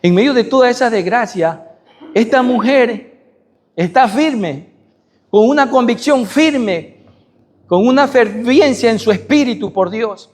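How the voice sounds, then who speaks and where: Male preacher, high voice, unhurried, church hall reverb, rhetorical questions, peaks then drops low. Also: lively intonation, a little hiss or hum. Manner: asks the congregation rhetorical questions; swings from loud high peaks to low soft endings. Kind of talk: sermon. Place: church sanctuary.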